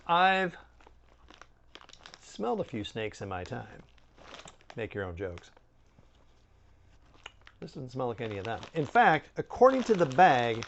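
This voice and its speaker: Animated man reviewing snacks, slightly muffled sound. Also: on the high side, vocal fry, a little hiss or hum. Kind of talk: casual chatty review to camera.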